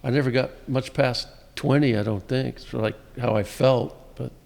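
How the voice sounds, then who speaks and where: A man co-hosting a casual podcast, dry and measured as he explains things. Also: mid-range voice, steady tone, creaky, a little mellow, long reverb tail. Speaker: podcast co-host. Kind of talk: casual chat.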